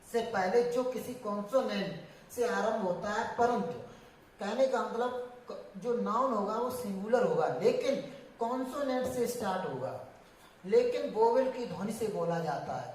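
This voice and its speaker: A woman's voice: medium pitch, animated, a little slow, a little mellow, far from the mic. A woman teaching English grammar, stopping to ask the class questions and answer them herself. She sounds heavily echoey and set back from the mic, with a faint hum of room ambience behind her. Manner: repeats and restarts, asks and answers own questions. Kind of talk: classroom explanation.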